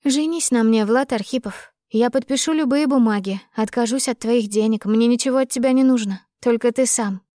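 A woman's voice: fairly high pitch, moderate pace, few pauses, dark tone, no room sound, voice pushed up, lightly acted. Woman reading an eager young heroine for a romance audiobook, pleading, dry close sound. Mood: earnest. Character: loving, earnest young woman.

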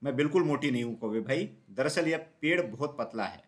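A man doing a gentle, naive storybook cow. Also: mid-range voice, lively intonation, a little fast, lightly acted. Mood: plaintive. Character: gentle clumsy female cow, kindly and naive.

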